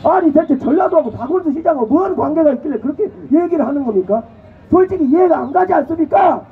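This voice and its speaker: Fiery high-voiced Jeolla man rallying a crowd. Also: animated, fast. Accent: Jeolla dialect. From Jeolla, South Korea. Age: young adult. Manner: fiery, keeps prodding the crowd with rhetorical questions and bursts of shouting. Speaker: rally speaker. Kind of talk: impassioned political rally speech. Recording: tinny phone-like audio with faint noise.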